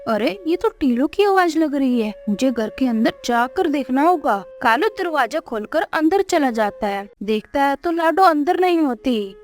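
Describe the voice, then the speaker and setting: A woman's voice: high-pitched, animated, moderate pace, hardly any pauses, a little mellow. A woman voicing a caring male crow who talks in a worried, urgent way, in a cartoon. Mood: concerned. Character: caring male crow, anxious uncle figure. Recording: faint background music.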